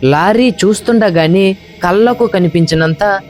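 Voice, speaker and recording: A man narrating a horror story in the first person, in a steady storytelling voice. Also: sits high, measured pace, faint music behind.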